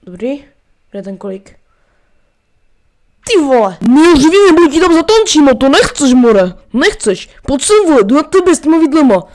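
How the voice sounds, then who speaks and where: A woman's voice: high voice, sing-song, darkish tone. A woman voicing a bumbling, crude male handyman in a comedic fan dub, swearing and bickering.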